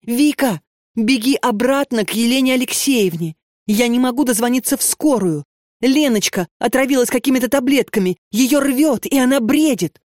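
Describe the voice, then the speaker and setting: A woman voicing a frightened young female student in a storybook, speaking higher and urgently. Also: lively intonation, moderate pace, darkish tone, no room sound, studio quality, lightly acted. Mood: panicked.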